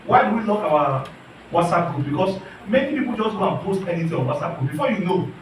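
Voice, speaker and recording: A man with a high-pitched, expressive voice teaches an online class at a quick pace, earnest and repetitive, frequently checking in with questions for his listeners. The background is noisy. His voice comes from a distance in a room full of echo.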